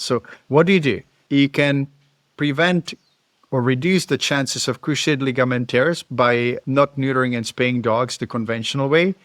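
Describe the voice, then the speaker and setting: Speaking informally to camera, a middle-aged Czech-accented vet explains things thoughtfully in a casual educational talk, chuckling now and then. His mid-range voice is a bit bright, and the recording is dry.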